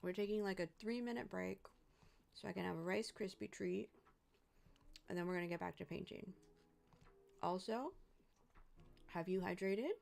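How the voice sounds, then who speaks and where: A woman's voice: mid-range voice, normal speed, gravelly, long pauses, darkish tone. A woman hosting a casual craft livestream, chatty and playful, sometimes talking while she eats. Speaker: livestream host. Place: home craft desk.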